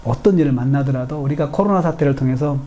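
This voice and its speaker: A middle-aged male pastor preaching a sermon in an earnest, repetitive way, acting out quoted speech in a raised, lively voice. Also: medium pitch, fast talker.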